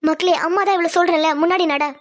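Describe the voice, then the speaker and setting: A woman's voice: extremely high pitch, fairly even intonation, fast talker, dry recording, studio quality. A woman voicing an anxious middle-aged mother in a cartoon who hurries her daughters home. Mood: urging. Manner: pleading, insistent. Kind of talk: cartoon voice acting.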